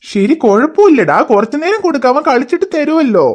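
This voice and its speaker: A woman voicing a patient father in a cartoon, coaxing and explaining gently but firmly. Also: high voice, sing-song, a little fast. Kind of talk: cartoon voice acting.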